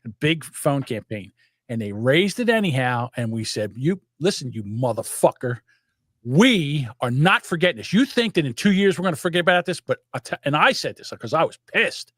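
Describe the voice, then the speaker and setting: Speaking at normal speed with a voice on the high side, an older South Jersey man co-hosts a podcast in casual chat. He rambles through stories with profane, animated flair, recorded in clean studio sound without echo.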